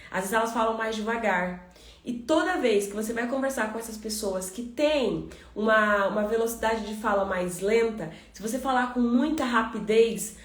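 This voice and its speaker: A Brazilian woman coaching on communication, talking fast and directly to the listener as a friend. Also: a little high, echoey room. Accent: Brazilian Portuguese. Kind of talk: motivational podcast talk.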